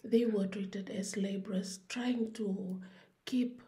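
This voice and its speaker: A middle-aged woman from Fiji with a Fijian accent, explaining things in an informal interview with halting, short phrases and pauses. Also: medium pitch, steady tone, mellow. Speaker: interview guest, teacher.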